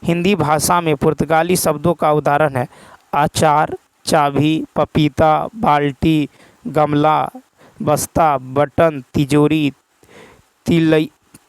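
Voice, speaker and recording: A man's voice: a little high, flat delivery, vocal fry, smooth, dry recording, rough recording. A man going through practice exam answers, repeating each key term and asking himself the answer. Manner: reads English questions slowly, word by word. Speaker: exam prep teacher. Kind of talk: explaining a practice test answer by answer.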